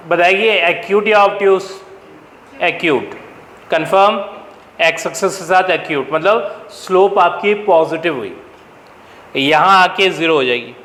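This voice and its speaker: In a spacious classroom full of lingering reverb and faint background hum, a math teacher with a high voice and an Indian accent lectures. He sounds pushed and bright, putting questions to his students and then supplying the answers himself.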